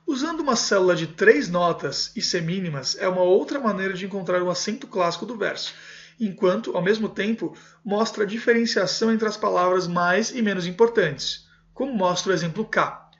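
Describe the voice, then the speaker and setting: A man's voice: high voice, brisk, highs cut off. A man reading aloud from a music theory book and explaining it, often checking in with his listeners. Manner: steady reading with frequent "certo?" check-ins. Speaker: music teacher translating a textbook.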